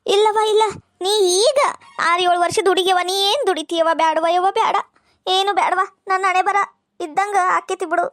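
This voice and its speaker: A woman's voice: very high-pitched, a little fast, fairly bright tone, dry recording. Casting: cartoon stepmother from North Karnataka, sugary then spiteful, bone-dry voice, a woman doing it. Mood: tearful. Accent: North Karnataka Kannada. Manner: sweet to the children, snarling behind their backs. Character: scheming grown woman stepmother, two-faced. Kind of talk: cartoon voice acting.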